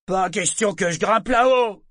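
A man voicing a defiant freed male slave who refuses orders in a loud voice. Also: high-pitched, measured pace, dry recording, studio quality, voice pushed up.

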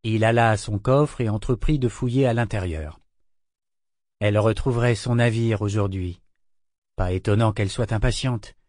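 A man's voice: lowish voice, normal speed, darkish tone, no echo. Man reading a novel aloud, dry sound. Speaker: audiobook narrator. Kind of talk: scripted narration.

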